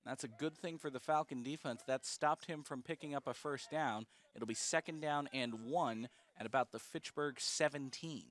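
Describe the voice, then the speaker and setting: Brisk male play-by-play football announcer. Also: medium pitch, a bit bright. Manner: brisk, precise calling of each play. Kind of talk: live football play-by-play commentary.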